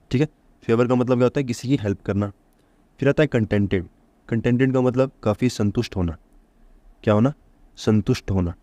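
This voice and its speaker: Low-voiced man drilling vocabulary. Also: dark tone, no room sound. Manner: asks the listener rhetorical questions and answers them himself; repeats key points to drill memory tricks. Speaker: vocabulary teacher. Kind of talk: exam-prep vocabulary lesson.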